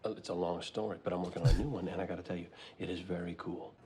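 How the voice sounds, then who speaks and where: Playing a crime drama's glib, teasing novelist who follows the police around, a man trades wry, playful banter over background music from the show. His voice sits low and has a dark tone, close to an everyday voice, with fairly even intonation and a racing pace.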